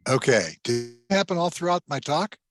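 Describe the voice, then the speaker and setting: A man on an online group video call, presenting and answering audience questions in a halting way, restarting phrases, while his connection cuts out at times. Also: a little high, sing-song. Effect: voice over an online group video call, cutting out at times. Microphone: computer or headset mic on a video call.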